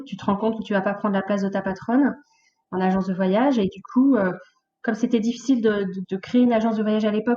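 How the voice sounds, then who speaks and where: A woman in her late thirties, a podcast guest, telling her life story in a lively, casual way with many fillers. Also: mid-range voice, dull audio, a little hiss or hum. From France, of Portuguese origin. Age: late 30s. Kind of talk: casual conversational interview.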